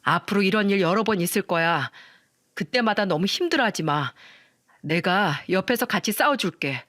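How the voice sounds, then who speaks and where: A woman's voice: medium pitch, expressive, normal speed, fairly bright tone, lightly acted. A woman voicing a firm young husband who sternly defends his wife, in a storytelling reading. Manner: stern, blunt. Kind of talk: storytelling radio drama reading.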